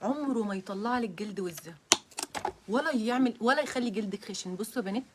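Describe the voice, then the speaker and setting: A woman's voice: medium pitch, lively intonation, fast talker, a little hiss or hum. A young woman with an Egyptian accent hosting a casual live stream, flustered and nervous and often breaking into giggles. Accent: Egyptian Arabic.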